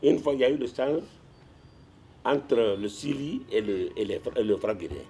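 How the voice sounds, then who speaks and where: Recounting stories in a seated interview, this elderly man from Guinea, once a sports administrator, frequently restarts sentences and repeats words. He sounds animated and warm, slightly rough, with a medium pitch and moderate pace.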